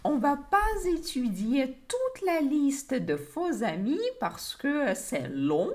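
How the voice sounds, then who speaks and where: A woman with a French accent teaches vocabulary on a livestream, slow and deliberate, often repeating words so learners can follow. Her fairly high voice rises and falls a lot as she talks. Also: big pitch swings, darkish tone.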